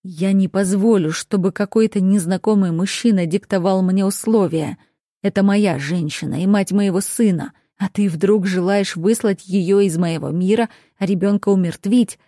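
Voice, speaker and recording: A woman's voice: mid-range voice, normal speed, mellow, no room sound, clean studio sound, close to an everyday voice. A woman reading an audiobook, voicing a young nobleman who fiercely defends his bride, with firm, heated delivery. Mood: defiant.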